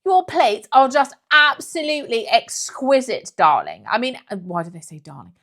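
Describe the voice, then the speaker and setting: A woman's voice: fairly high pitch, very animated, moderate pace, a bit bright, pitched above the performer's own voice. A woman doing a gushing pseudo-posh lady. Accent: posh English. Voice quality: drawling, affected, says darling.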